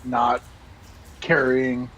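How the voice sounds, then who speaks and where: An American man with a Baltimore accent chats casually and bluntly as a guest in the voice chat of a flight-sim game stream. His medium-pitched voice moves very slowly, and the rough recording carries steady background noise.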